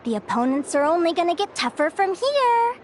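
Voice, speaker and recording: A woman with a very high, very animated voice speaks briskly as a young, curious bird fae explorer in a video game, sounding eager, wondering, and friendly. The recording is very noisy, with game music in the background.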